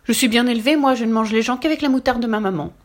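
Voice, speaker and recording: A woman voicing a hungry, clumsy, polite little male ogre-cricket in a storybook reading, with a raised, whiny, excitable voice. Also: medium pitch, fairly quick, lightly acted. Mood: vexed.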